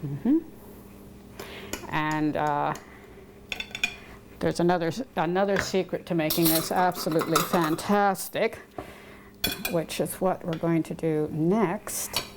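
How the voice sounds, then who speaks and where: A woman's voice: lowish voice, fairly even intonation, takes it slowly, long pauses, noisy background. A woman cook giving a step-by-step cooking demonstration in a home kitchen. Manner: patient step-by-step instructing. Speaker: guest cook. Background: clinking dishes and cutlery.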